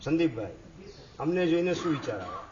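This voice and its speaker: A man's voice: a little high, sing-song, fairly quick, a little mellow, lo-fi sound. A man, a monk, giving a sermon and quizzing listeners by name. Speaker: Jain monk.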